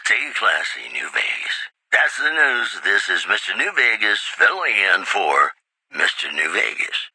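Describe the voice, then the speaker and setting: Mister New Vegas, a bright, suave radio host. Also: male voice, fairly low pitch, unhurried, no echo, exaggerated voice, poor audio. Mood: smooth, playful. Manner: smooth, crooning, flattering showmanship. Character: suave, flirtatious, self-assured male radio host and newsreader. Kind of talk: retro lounge radio DJ patter.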